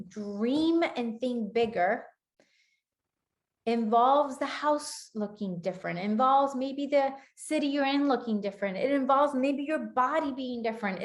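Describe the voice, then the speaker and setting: A woman with a Spanish accent gives a channeled spiritual talk in an earnest, flowing way, often slowing down to stress words. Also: on the high side. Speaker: spiritual teacher.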